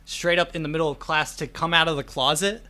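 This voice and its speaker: A man's voice: on the high side, steady tone, fast, sharp tone. A young man hosting a podcast, chatting casually and telling stories in a joking, teasing manner. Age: young adult. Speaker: podcast host. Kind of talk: casual chat.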